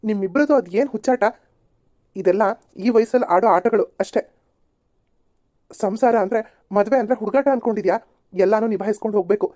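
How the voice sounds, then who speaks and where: A woman's voice: mid-range voice, warm tone, dry recording, studio quality, lightly acted. A woman voicing an exasperated young man in an amateur cartoon serial, scolding and pleading by turns.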